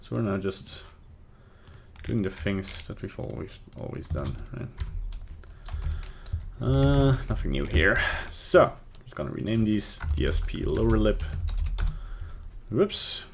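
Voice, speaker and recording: Speaking slowly and pausing often, a young livestreaming 3D artist from Belgium talks through a casual tutorial with his chat, rambling, thinking out loud and muttering as he works at his home desk. He has a Belgian accent and a lowish, gravelly, very animated voice. The audio carries a little hiss or hum plus faint typing and clicking.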